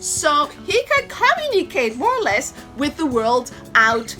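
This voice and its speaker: A woman's voice: sits high, huge pitch swings, measured pace, sharp tone, faint music behind. A middle-aged woman from Switzerland with a Swiss accent, chatting to viewers as she tells stories about her life. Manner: outgoing, chatty, addresses viewers as guys. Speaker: vlogger. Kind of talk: personal storytelling to camera.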